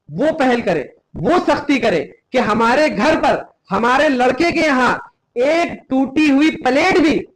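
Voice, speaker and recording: A man's voice: extremely high pitch, a bit bright, low-quality recording. A young man giving an impassioned sermon, scolding his listeners and quoting scripture in Arabic. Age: young adult. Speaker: preacher.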